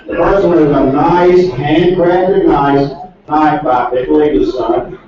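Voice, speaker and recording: A man working as an auctioneer, calling bids in a quick rhythmic chant with folksy asides. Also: a little high. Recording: distant echoey lo-fi recording with loud crowd.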